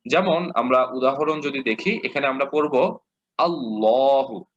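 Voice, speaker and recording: Man, Bangladeshi Bengali accent, patient teacher, mid pitch, muffled lo-fi recording. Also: a bit bright. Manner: patient, repeats examples, models slow recitation. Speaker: Quran recitation teacher. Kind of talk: explanatory lesson. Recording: dull lo-fi audio.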